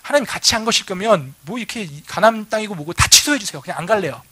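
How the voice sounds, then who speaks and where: A man's voice: high-pitched, animated, fast, sharp tone, breathy edge, no room sound, exaggerated voice. A man voicing a male prophet who prays to God, pleading at first and then pressing his demands. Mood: demanding.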